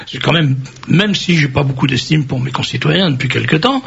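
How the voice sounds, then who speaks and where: A man's voice: on the high side, expressive, fairly quick, creaky, fairly bright tone, slightly rough. A man hosting a radio interview, blunt and opinionated, pushing the guest with provocative remarks. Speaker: radio host. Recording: dull lo-fi radio recording with faint noise.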